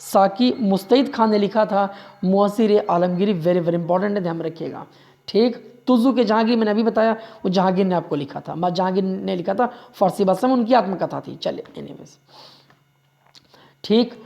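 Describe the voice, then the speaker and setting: A man's voice: high-pitched, normal speed, creaky, warm tone, lo-fi sound. A male history teacher giving an exam-prep lecture. He repeats each fact several times, keeps urging listeners to remember it, and sometimes corrects himself mid-sentence. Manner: drills facts by repeating them.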